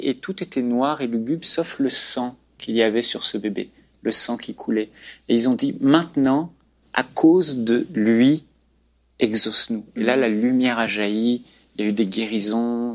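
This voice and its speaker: A man's voice: medium pitch, a bit bright. A man sharing a personal faith testimony in an earnest, preacherly storytelling way as a guest on a talk show.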